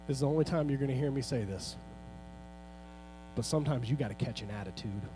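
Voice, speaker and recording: A middle-aged man preaching a sermon as pastor in a church, building to loud, fervent peaks and then dropping low and soft. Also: quick pace, background noise. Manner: preaching with rising shouts and sudden soft drops. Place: church sanctuary.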